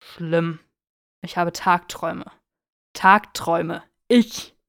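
A woman voicing a brash, agitated young male wizard in an audiobook reading, loud and defensive. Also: lowish voice, flat delivery, moderate pace, clean tone, lightly acted.

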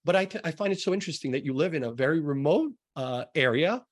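Talking fast with lively intonation, an American podcast host in a higher voice interviews his guest casually, wandering off track and repeating words.

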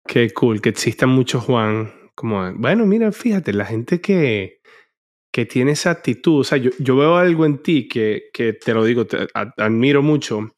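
A man's voice: medium pitch, lively intonation, normal speed. A man hosting a podcast interview who talks in a meandering way, restarting his sentences and praising his guest. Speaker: podcast host. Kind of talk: casual interview.

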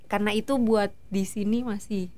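A woman in her thirties, a guest in a casual interview, telling stories in a lively way and acting out what others said. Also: mid-range voice, normal speed. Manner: lively storytelling, acting out quoted voices.

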